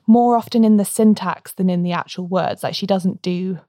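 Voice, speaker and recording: Woman, podcast co-host, creaky mid-pitched voice, close dry sound, casual book chat. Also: moderate pace, warm tone, no room sound.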